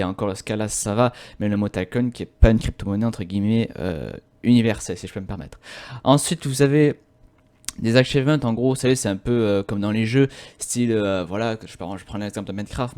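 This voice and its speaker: A young man from France talks through a website in a loose, colloquial YouTube walkthrough. His voice sits a little low, and his relaxed delivery is full of slang, as if chatting with viewers at his desk. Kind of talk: casual screen-recording walkthrough.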